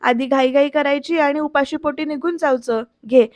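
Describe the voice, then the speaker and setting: A woman's voice: high voice, fairly even intonation, normal speed, darkish tone, dry recording, close to an everyday voice. A woman reading a fussing, motherly aunt. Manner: fussy, motherly. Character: fussing, caring older aunt.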